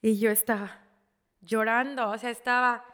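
A woman with a Mexican accent telling an emotional personal story, halting, with many restarts and repeated words. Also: a little high, fairly even intonation, fairly bright tone, long reverb tail.

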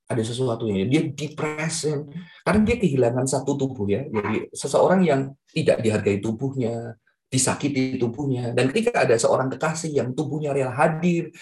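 A man delivers a lively sermon and tells stories to his congregation. His voice sits at an ordinary pitch and swings up high when he gets excited. Then it drops to soft, quiet tones. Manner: animated storytelling, addresses congregation directly. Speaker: evangelist preacher.

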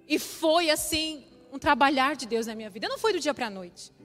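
Woman preacher, really high voice, long hall echo and soft music behind, repeats lines for emphasis. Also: animated, moderate pace. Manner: emotional testimony with emphatic repetition. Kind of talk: sermon. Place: church hall.

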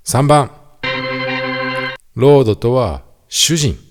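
A man with a Kansai accent giving a lively, quiz-style lesson on the English words heard in gospel songs. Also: mid-range voice, extremely slow, soft background music. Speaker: teacher.

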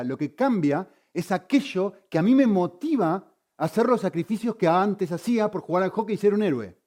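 Man, pastor, sermon, fairly high voice, lively pitch swings. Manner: animated preaching, swings between loud emphasis and quiet intensity.

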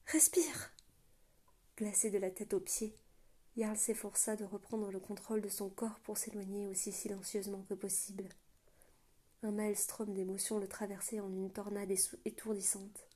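A woman narrating a fantasy novel aloud in a quiet, measured reading voice. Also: mid-range voice. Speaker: audiobook narrator.

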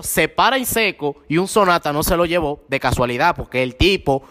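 A man's voice: on the high side, a bit bright. A man guest on a podcast, teasing his friends with a playful, dramatic retelling of a story. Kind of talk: casual storytelling among friends. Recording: reverberant room.

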